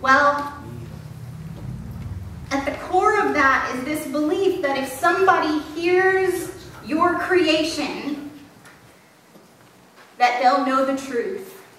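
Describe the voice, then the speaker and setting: A woman pastor speaks slowly in a high, sharp-toned voice, leaving long pauses as she preaches a candid, self-deprecating story-driven sermon. It's recorded from a distance in a very echoey church sanctuary, with a little hiss or hum.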